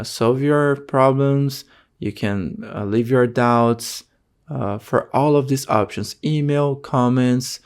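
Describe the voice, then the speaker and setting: An online course instructor, a man whose first language is Portuguese, speaks with a medium-pitched, darkish voice. He often asks "okay?" to check in, and his delivery has non-native phrasing and frequent fillers.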